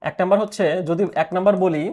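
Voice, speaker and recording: A male teacher giving an exam prep lecture, asking questions and answering them himself, repeating key answers slowly. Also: high voice, fairly even intonation, mellow.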